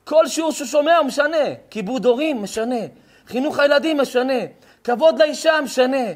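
A man giving a rabbi's lesson to a live audience, telling a story with emphatic repetition. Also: very high voice. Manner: emphatic, repeats words for effect. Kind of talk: lively storytelling sermon.

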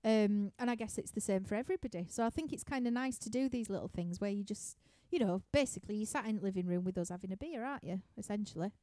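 A woman's voice: mid-range voice, fast talker, hardly any pauses, dark tone, no room sound, studio quality. A young woman with a Yorkshire accent, chatting casually at home as she reads out viewer questions on a live stream, rambling, laughing and using many fillers. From Yorkshire, England. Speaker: musician hosting a live stream Q&A. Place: living room at home.

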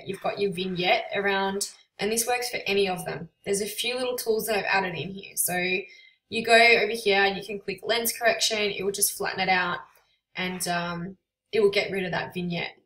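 Casual female tutorial host, mid-pitched, sounding tinny and hollow on a built-in laptop mic in an echoey room. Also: normal speed. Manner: relaxed, chatty, frequent ums. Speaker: photographer selling presets. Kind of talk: casual screen-recorded software tutorial. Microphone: built-in computer microphone. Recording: tinny, echoey sound without a proper microphone.

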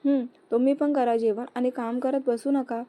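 A woman voicing a gentle young husband. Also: high voice, fairly even intonation, normal speed, lightly acted.

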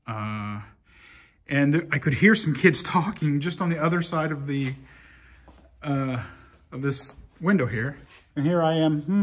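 A man's voice: medium pitch, breathy edge. Chatty man vlogging from an old factory. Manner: chatty, rambling with many "uh" fillers. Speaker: vlogger renovating an old building. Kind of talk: casual storytelling vlog. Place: large empty old factory floor, indoors. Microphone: phone held at arm's length.

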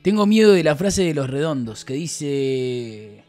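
A man's voice: fairly high pitch, big pitch swings, measured pace, a little mellow, faint music behind. A man with an Argentine accent chatting casually on a stream, reading out messages and rambling with crude, joking banter. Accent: Argentine Spanish.

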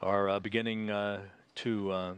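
A man giving live spaceflight broadcast commentary as a mission control commentator, in a measured, halting official delivery. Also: fairly low pitch, flat delivery, clean tone.

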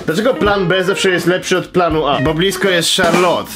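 A sarcastic, crude young man answering viewer questions in a comedic vlog, deadpan. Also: sits high, moderate pace. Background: music.

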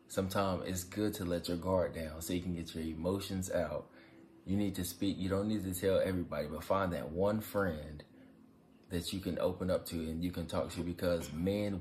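Low-voiced man, casually encouraging. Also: fairly even intonation, moderate pace, darkish tone, slight background noise. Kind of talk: casual encouraging talk to camera. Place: living room couch, indoors.

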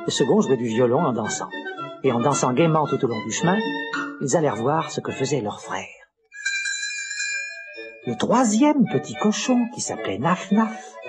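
Man reading a kids storybook record, animated swoopy voice, music playing under it. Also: mid-range voice. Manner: animated, expressive telling. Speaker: narrator.

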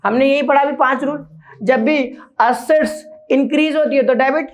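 A man teaching an accounting class, repeating each rule and putting quick questions to his students. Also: extremely high pitch. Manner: drills rules by repeating them and quizzing students. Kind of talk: classroom lecture. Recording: dull lo-fi recording.

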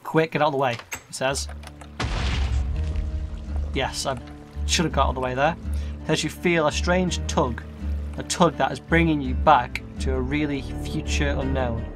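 A man's voice: medium pitch, fairly even intonation, measured pace, pauses often. A man giving casual gameplay commentary, muttering to himself and reading in-game text aloud. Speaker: gaming video host. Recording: game music behind.

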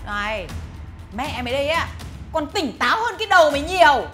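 A woman's voice: sits high, big pitch swings, a little fast, sharp tone, soft background music, heavily acted. A woman voicing a scheming rural mother-in-law who coaxes and scolds. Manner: chatty, coaxing, then scolding. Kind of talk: dubbed drama voice acting.

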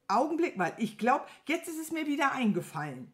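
A woman reading a children's story aloud, voicing a cheeky young man who plays dumb in a drawn-out, confused way. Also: sits high, expressive, voice pushed up. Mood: feigned-dumb. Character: cheeky young male puppet hero playing dumb.

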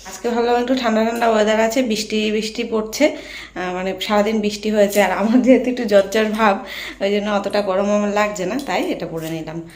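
A young Bengali woman from India, chatting casually to her viewers in a home vlog, her voice a little hoarse from a sore throat. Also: mid-range voice, fairly even intonation, brisk. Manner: chatty, addresses viewers directly with fillers. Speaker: vlogger. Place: at home, in and out of doors.

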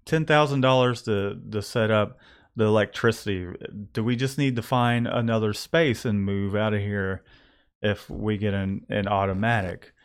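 A man's voice: lowish voice, steady tone, moderate pace, clear, resonant tone. Man, shop-owner host, casual rambling talk with restarts. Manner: rambling, self-correcting, joking. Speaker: co-owner of a screen printing shop, channel host. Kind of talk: casual chat. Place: screen printing shop.

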